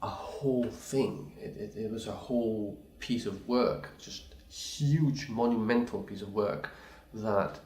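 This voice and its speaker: This slow, slightly mellow, low-leaning male voice barely pauses as he records a video-challenge response in an echoey room. A pianist using English as a second language, he sounds thoughtful yet hesitant, restarting often and apologizing.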